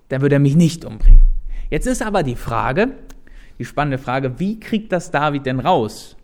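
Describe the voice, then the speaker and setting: A man telling a Bible story to his listeners, animated and speaking to them directly. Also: fairly high pitch. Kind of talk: lively Bible storytelling to an audience.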